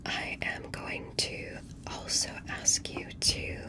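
In this ASMR medical roleplay, a woman acts as a careful examiner, her breathy whisper slow as she gently reassures and guides through each step.

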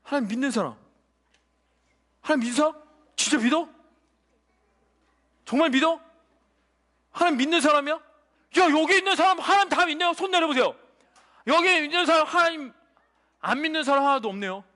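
A man's voice: very high-pitched, fairly quick, long pauses, sharp tone. A male pastor giving a children's sermon, telling a story and asking the children questions. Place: church sanctuary. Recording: church hall reverb.

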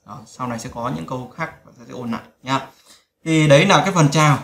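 A man teaching a spoken language lesson, repeating phrases and reminding listeners to remember them. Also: mid-range voice. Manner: repetitive, drills phrases and keeps telling listeners to remember. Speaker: English teacher. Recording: roomy echo.

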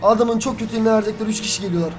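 An excitable young man commentates his own match as he plays it. He swears freely and yells at his teammates. Faint background music runs under his voice. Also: high voice, racing. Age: young adult. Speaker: gaming youtuber. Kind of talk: live gameplay commentary.

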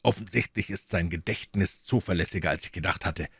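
A calm, measured detective, polite and unhurried, as the narrator voices him. The voice sits low and quiet, close to the mic, with no room around it. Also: male voice, vocal fry, breathy edge, dry recording, exaggerated voice. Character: calm, dry-witted male detective.

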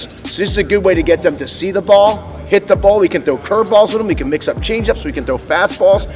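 Excitable high-voiced baseball coach. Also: male voice. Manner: excitable, exclaims at each hit. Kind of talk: on-field coaching demo with play-by-play. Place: large indoor sports training facility. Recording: music playing underneath.

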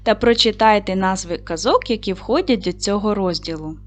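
A woman teacher giving a reading lesson to young children, with a clear, encouraging manner that leads them through questions. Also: mid-range voice, moderate pace. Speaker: primary school teacher.

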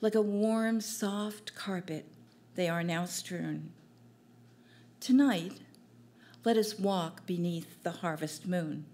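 An older woman reading her own poems at an open mic on a small cafe stage, in a gentle, measured recital into a stand mic. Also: lowish voice. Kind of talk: poetry reading. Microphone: stand mic at a distance.

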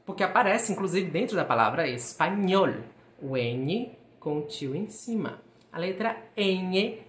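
A male teacher leads a recorded video lesson, slowly sounding out syllables and stretching each word for young students. His speech moves slowly, and his pitch leaps up and down. The recording carries a roomy echo. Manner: patient, drawn-out demonstrations of sounds and syllables. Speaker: Spanish teacher. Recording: roomy, echoey room sound.

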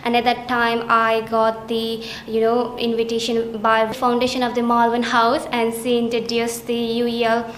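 In a small study room, an international student from Nepal, a young adult woman, responds to interview questions with frequent hesitations and fillers, though her delivery stays flat and steady. Her voice is a little high, at a moderate pace with few pauses. A chest-level camera picks up roomy indoor echo, faint ambience and slight background noise.

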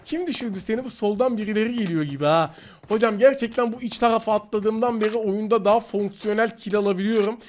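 High-pitched excitable man over loud gunfire. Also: quick pace, a little hiss or hum. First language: Turkish. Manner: excitable, swings into shouting frustration. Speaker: gaming YouTuber. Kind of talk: live gameplay commentary. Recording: loud gunfire from the game behind. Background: game gunfire and clicks.

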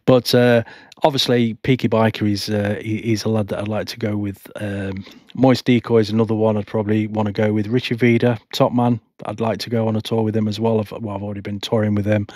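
A man's voice: fairly low pitch, flat delivery, a little fast, a little mellow, no room sound, studio quality. A man vlogging about motorcycling from home, answering viewer questions in a nervous, rambling way with many restarts. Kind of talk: casual talk to camera, reading viewer questions. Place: home, not a studio. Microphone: home microphone.

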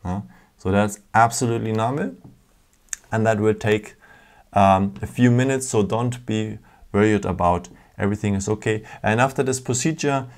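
Low gravelly man guiding a tutorial. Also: moderate pace. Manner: patient, with frequent fillers and non-native phrasing. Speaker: tech tutorial host. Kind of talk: casual step-by-step tutorial. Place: indoors at a table.

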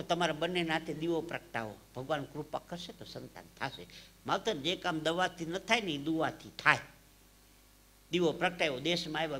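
A man from Saurashtra, telling comic stories live on stage into a microphone. His delivery swings from hushed asides to loud punchlines. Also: on the high side. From Saurashtra, Gujarat. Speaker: stage comedian and storyteller. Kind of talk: live folk comedy storytelling.

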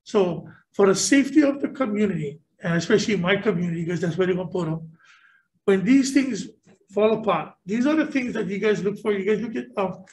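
Earnest high-voiced man. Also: animated, brisk, darkish tone, poor audio. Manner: earnest, rambling, repeats words while searching. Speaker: state senator questioning a nominee. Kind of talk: legislative hearing questioning. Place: government hearing room. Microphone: table microphone, wearing a face mask.

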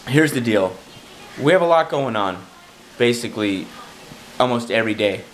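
A man with a raspy, hoarse voice from a cold, chatting casually and rambling a bit in a self-deprecating, jokey way to his vlog camera. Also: medium pitch, animated, normal speed, a little hiss or hum, rough recording. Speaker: vlogger.

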